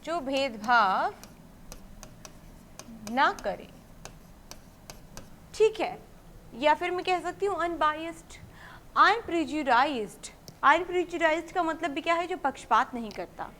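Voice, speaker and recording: Woman, high voice, vocabulary teacher, explains step by step, asks and answers own questions, faint background noise. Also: lively intonation, a bit bright. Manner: reads English example sentences slowly and clearly. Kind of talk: vocabulary lesson for exam students.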